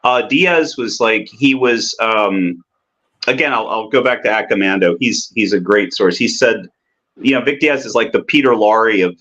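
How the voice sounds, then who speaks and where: A man co-hosting a movie podcast, chatting casually and enthusiastically in a rambling, halting way with repeated words. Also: medium pitch, a bit bright, highs cut off. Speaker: film podcast co-host. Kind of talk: casual chat about cult movies.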